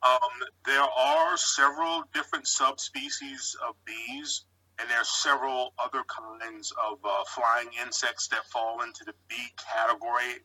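A man's voice: mid-range voice, fairly even intonation, a little slow, sharp tone, rough recording. A man who keeps bees, explaining insects casually in short steps and checking in with "okay". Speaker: beekeeper, podcast guest.

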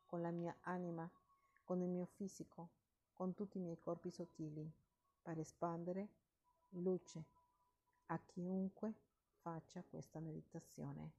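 A woman leading a guided meditation with recited affirmations in a soft, breathy voice, pausing between short phrases. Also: on the low side.

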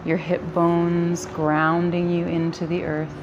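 A woman guiding a yoga nidra relaxation in a calm, soothing, gentle manner with long pauses between phrases. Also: fairly low pitch, dull audio, background noise. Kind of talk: guided relaxation meditation.

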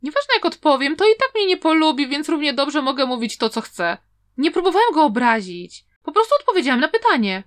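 A brash, mischievous young man from a storybook, glib and carefree as he talks back to his elders, as a woman reader gives him voice. He rattles along quickly and lightly in a bright, raised voice. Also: high voice, big pitch swings, voice pushed up. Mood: carefree, defiant. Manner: glib, brazenly talking back. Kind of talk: audiobook character reading.

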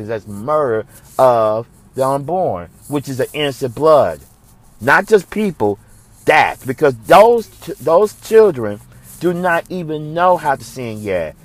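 An American man with a mid-range voice hosts a religious commentary show. His delivery is impassioned and preachy, and he repeats phrases for emphasis.

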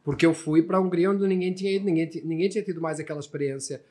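This thirtysomething guest from Portugal talks rapid-fire in a slightly high, a little mellow voice with a steady tone. With a European Portuguese accent, he shares stories in a casual podcast chat full of restarts and tag questions.

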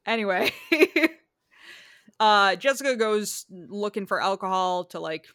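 A woman co-hosting a podcast, talking casually with lively asides, swearing and laughter. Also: medium pitch, unhurried, no echo, studio quality. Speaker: podcast co-host. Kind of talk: casual chat.

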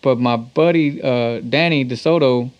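Unhurried and medium-pitched, this man from Texas speaks with an American accent as a guest on an interview. A musician and producer, he spins stories in laid-back slang with some swearing. The recording sounds muffled.

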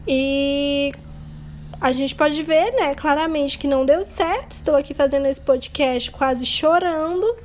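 A woman's voice: high-pitched, unhurried, a little mellow, slight background noise. A young woman with a Brazilian accent, hosting her own podcast in a candid, rambling, self-mocking monologue with nervous laughs. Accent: Brazilian Portuguese. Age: young adult. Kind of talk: casual confessional monologue.

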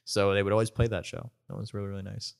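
A man's voice: on the low side, flat delivery, quick pace, creaky. A young man co-hosting a podcast, chatting casually, rambling and swearing, laughing often. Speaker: podcast co-host. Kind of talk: casual chat.

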